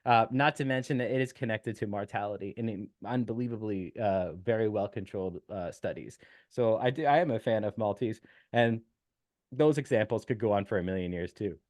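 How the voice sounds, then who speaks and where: A man's voice: on the low side, brisk, darkish tone, dry recording. Man, nutrition expert guest, casual podcast interview, technical explainer, lots of fillers, dry close sound.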